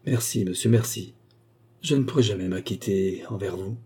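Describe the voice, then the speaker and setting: Eager cardinal in a storybook reading, a man playing him; hushed, low and dark. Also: moderate pace, slightly rough. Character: eager older male cardinal, impatient and lovestruck.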